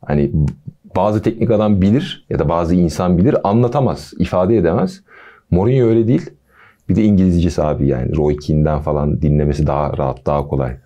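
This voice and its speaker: A man hosting a football podcast, talking casually with a relaxed, chatty manner and jokey asides. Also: sits low, fast, dull audio.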